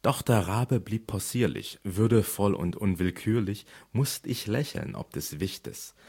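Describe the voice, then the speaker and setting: A man reading a poem aloud with declamatory delivery, swelling into urgent outbursts and sinking into slow, hushed refrains. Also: lowish voice, husky. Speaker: audiobook reader. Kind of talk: dramatic poetry recitation.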